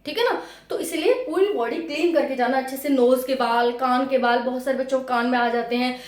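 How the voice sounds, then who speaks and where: Speaking briskly in a high voice with a roomy sound, a woman walks exam candidates through material in a casual, classroom-like way. She keeps repeating key points and addresses viewers warmly, as friends.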